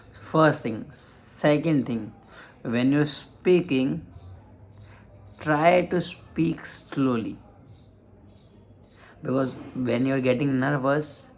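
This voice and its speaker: A man talks through public speaking advice at an unhurried, slow pace. His voice sits at a middle pitch, and he pauses often, restarting phrases as he goes. It is a motivational lesson on confidence. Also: a little mellow, a little hiss or hum, rough recording. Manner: slow, deliberate delivery with frequent pauses and restarts. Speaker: communication skills coach. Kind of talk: motivational self-help lesson.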